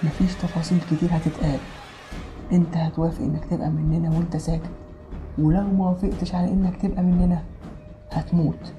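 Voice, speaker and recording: A woman's voice: lowish voice, level tone, fast talker, mellow, faint music behind, close to an everyday voice. A woman with an Egyptian accent voicing a menacing male demon who poses as a young friend, in a blunt, threatening tone.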